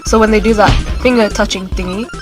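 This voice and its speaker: A woman's voice: mid-range voice, steady tone, quick pace, music in the background. A young woman giving casual, conversational rebuttals in an informal book debate. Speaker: student debater.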